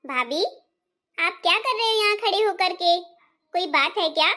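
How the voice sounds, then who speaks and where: A woman acts a fair-minded young daughter in a homespun family skit. She is earnest and firm, with a high, bright voice. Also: lively intonation, normal speed, full character voice. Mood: concerned.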